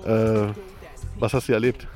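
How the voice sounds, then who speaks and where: A man's voice: lowish voice, flat delivery, moderate pace, warm tone, soft background music. A man hosting a radio show, interviewing a guest in a casual, rambling way with many ums and hesitations, outdoors by a lake.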